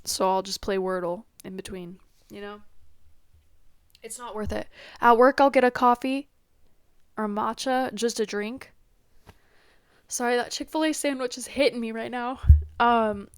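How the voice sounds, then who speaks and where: A congested young woman with a clear, resonant mid-range voice hosts her debut podcast via a built-in laptop microphone. She wanders from topic to topic in a self-deprecating, casual way, captured with clean studio sound and no room sound.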